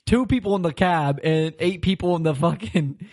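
A young man from Florida who hosts a casual talk show. His voice sits on the high side, and he tells stories in a loose, rambling way, laughing and swearing as he acts out the moments. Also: normal speed. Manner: rambling, laughing, swears a lot, animated retelling. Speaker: podcast host. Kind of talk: casual storytelling chat.

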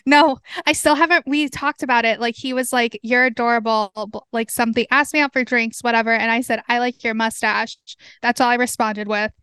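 A woman's voice: on the high side, fairly even intonation, fairly quick, hardly any pauses, sharp tone, smooth, no room sound. A woman co-hosting a podcast in casual chat, giggly and self-conscious, laughing often between her lines. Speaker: podcast co-host.

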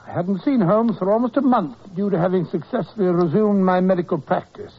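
A brisk, kindly doctor. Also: male voice, high voice, breathy edge. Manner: brisk, reassuring, earnest. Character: steady, kindly male doctor and narrator. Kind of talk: 1940s radio acting. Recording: muffled old radio broadcast.

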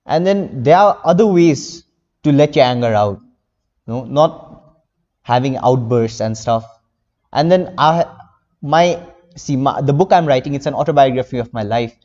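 Teen guy from india rambling earnestly, mellow voice, dull audio with a long reverb. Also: mid-range voice, lively intonation, unhurried. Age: teens. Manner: earnest, rambling with many fillers. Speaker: interview guest, young novelist. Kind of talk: casual interview.

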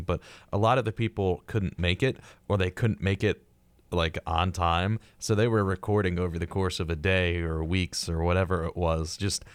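A young man co-hosting a podcast, telling stories in casual chat, getting animated and higher when excited. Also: clean tone, dry recording. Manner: animated storytelling, rises in pitch when excited. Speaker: podcast co-host.

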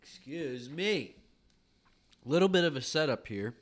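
Male co-host, casual chat, lively swinging pitch, animated joke teller. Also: unhurried. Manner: animated, laughs at own jokes. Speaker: podcast co-host.

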